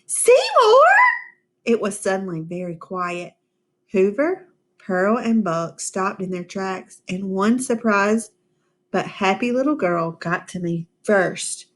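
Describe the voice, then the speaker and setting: Teacher lady reading a kids book out loud, slow and expressive, stops to quiz the kids. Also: medium pitch. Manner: expressive, asks the children questions, slow and patient. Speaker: teacher reading aloud to children. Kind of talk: storybook read-aloud with class discussion.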